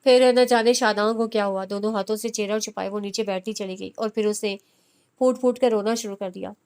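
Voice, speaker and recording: A woman narrating a romance novel as an audiobook in a steady storytelling manner. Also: mid-range voice, clear, resonant tone.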